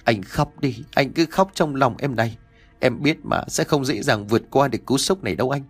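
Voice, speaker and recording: A man voicing a gentle young wife who speaks softly. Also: mid-range voice, normal speed, husky, soft background music, voice pushed up, close to an everyday voice. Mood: tender. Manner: soft, gentle.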